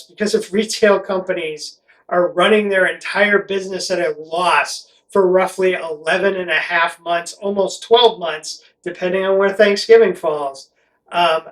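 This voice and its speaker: A middle-aged American man from Connecticut chatting casually and explaining things in a rambling, conversational way as a vlog host. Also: sits high. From Connecticut, United States. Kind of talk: casual explainer chat to camera. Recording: roomy echo, distant mic.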